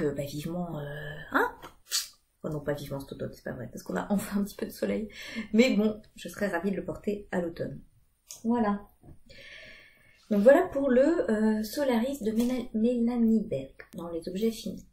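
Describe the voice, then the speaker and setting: A woman's voice: medium pitch, dark tone, a little hiss or hum. A woman in her thirties, chatting casually about her knitting with many fillers. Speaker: knitting vlogger. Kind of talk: casual chat.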